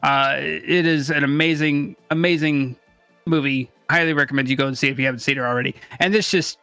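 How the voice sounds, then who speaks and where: A man's voice: fairly high pitch, fairly even intonation, brisk, bright, forceful tone, smooth, no echo, faint music behind. A man co-hosting a gaming talk show, chatting casually with an exasperated, joking manner. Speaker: co-host. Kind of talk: casual chat.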